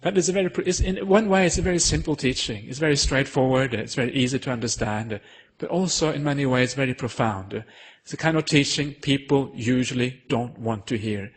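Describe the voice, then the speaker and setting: Husky-voiced monk telling a teaching story. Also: male voice, mid-range voice. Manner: unhurried, with frequent hesitant fillers. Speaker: Buddhist monk giving a Dharma talk. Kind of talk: storytelling sermon.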